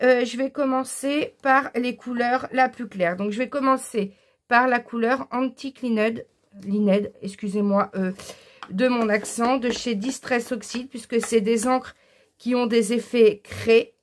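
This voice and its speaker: A woman with a slightly raised voice talks through a craft tutorial as she works. She is chatty and unhurried, pausing with fillers between steps. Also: fairly high pitch. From France. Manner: chatty, explains each step while working, many fillers. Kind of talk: casual craft tutorial narration.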